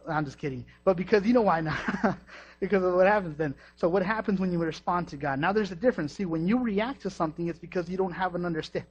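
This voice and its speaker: A man preaching a sermon in a lively, joking way, often repeating himself, in a dull lo-fi recording. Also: high voice, quick pace, breathy edge.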